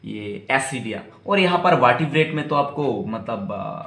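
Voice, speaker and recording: A man's voice: medium pitch, animated, slow pace, gravelly, a bit bright, roomy sound. A male biology teacher lecturing students, spelling out terms letter by letter and quizzing the class.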